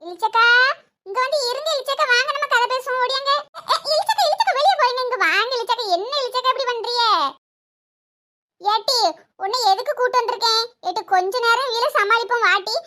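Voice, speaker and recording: Sex: female. Figure: a woman playing a tired, coaxing elder sister in a cartoon. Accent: Kanyakumari Tamil. Pitch: very high. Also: fairly quick, pushed and bright. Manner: exasperated, coaxing. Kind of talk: cartoon voice acting.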